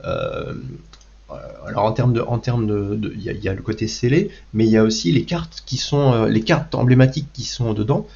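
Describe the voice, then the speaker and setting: A man's voice: on the low side, a little fast, vocal fry, dark tone, breathy edge, muffled recording. A man with a cold hosting a card game video in casual commentary, hesitant with many restarts and fillers. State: has a cold.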